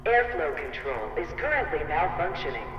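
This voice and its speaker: A man voicing an impersonal facility announcer, heard over a loudspeaker, calm and formal. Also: a little high, normal speed, highs cut off. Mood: calm warning. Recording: echoey PA over game music.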